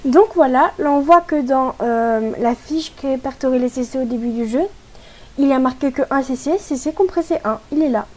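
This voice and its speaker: High-voiced woman explaining a game tutorial. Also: normal speed. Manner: chatty and explanatory, frequent hesitations. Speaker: gaming tutorial host. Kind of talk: casual tutorial voice-over.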